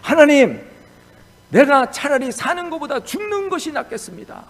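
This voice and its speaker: A man's voice: extremely high pitch, expressive, normal speed, vocal fry, fairly bright tone, breathy edge, long reverb tail, pitched above the performer's own voice, full character voice. A man voicing a petulant male prophet who complains and argues with God in indignant pleading. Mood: despairing.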